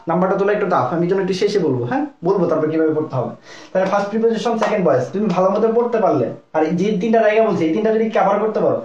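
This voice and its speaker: Rapid-fire young male tutor, echoey lo-fi. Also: high-pitched, a little mellow. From Bangladesh. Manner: rapid, repetitive, keeps checking in with listeners. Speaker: medical admission tutor. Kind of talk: live online lesson. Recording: echoey, dull lo-fi room sound.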